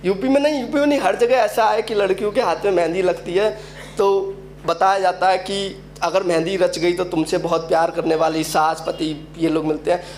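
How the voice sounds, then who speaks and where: Young guy from up north india doing standup at an open mic, pretty high voice, a bit of hiss in the back. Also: fairly even intonation, moderate pace. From Uttar Pradesh, India. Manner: storytelling, acts out quoted characters. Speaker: stand-up comedian. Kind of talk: stand-up comedy set. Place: open mic event venue.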